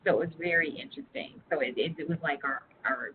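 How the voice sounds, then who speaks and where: Over a muffled, lo-fi phone line, a woman who works as a staffer for a community engagement program chats casually about her job in a conversational research interview, saying "like" a lot. Her voice is low and quick, and the noise is clearly audible.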